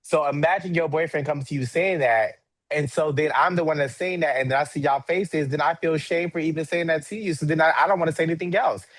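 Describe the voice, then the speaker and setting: A man's voice: on the high side, fast, no echo. A man co-hosting a podcast in casual chat, who leads the discussion and acts out scenarios with quoted voices. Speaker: podcast co-host.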